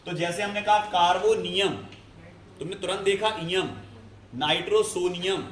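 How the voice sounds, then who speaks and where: A man's voice: sits high, steady tone, moderate pace. A male chemistry teacher giving a classroom lecture, explaining step by step and often checking whether students follow. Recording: echoey room, faint ambience.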